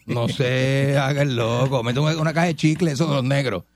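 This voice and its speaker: A man's voice: medium pitch, steady tone, brisk, no room sound, studio quality. Chatty Puerto Rican radio host man. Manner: emphatic, rhetorical, chatty. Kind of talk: casual radio banter.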